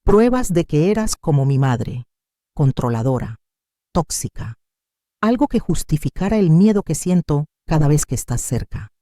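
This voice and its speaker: A wounded young woman pleads through tears, as a man reads her part. The voice stays dark and mellow, with a dry, close sound. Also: fairly high pitch, big pitch swings, moderate pace, no room sound. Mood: pained.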